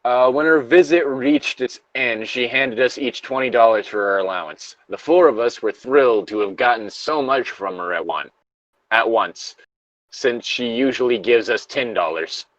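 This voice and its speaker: At medium pitch and normal speed, with a fairly bright tone, a man comes through a dry, muffled recording. As co-host of a video game creepypasta read-aloud, he banters casually and curses in mock outrage.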